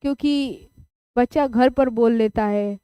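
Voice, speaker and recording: A woman's voice: fairly high pitch, unhurried, mellow, smooth, no room sound. A woman teacher giving an online class lecture, explaining with everyday examples and checking in with her students.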